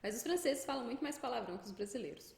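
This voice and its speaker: A Brazilian woman and French teacher giving a lively, emphatic pronunciation lesson. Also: on the high side, racing, gravelly, reverberant. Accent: Brazilian Portuguese.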